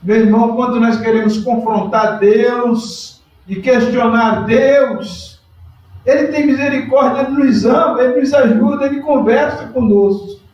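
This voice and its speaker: Animated pastor preaching in an echoey hall. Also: male voice, very high-pitched, unhurried, far from the mic, dull audio. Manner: lively preaching, quizzes the congregation by name. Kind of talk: sermon.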